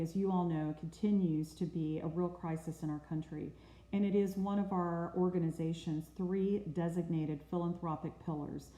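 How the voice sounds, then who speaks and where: A woman's voice: lowish voice, dark tone, echoey room, poor audio. A woman representing a corporate sponsor, giving prepared, polished remarks. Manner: polished, scripted.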